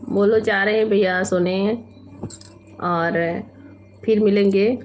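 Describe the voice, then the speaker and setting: A woman hosting a casual late-night live stream from home, chatting unhurriedly with viewers, reading out their comments and gently scolding them. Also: mid-range voice, steady tone, slow, highs cut off, a little hiss or hum.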